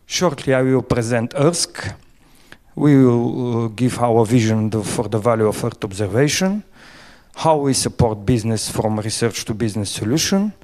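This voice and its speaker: A man from Bulgaria speaking English with a Bulgarian accent, giving a conference presentation with halting phrasing and frequent fillers. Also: fairly low pitch, a little mellow.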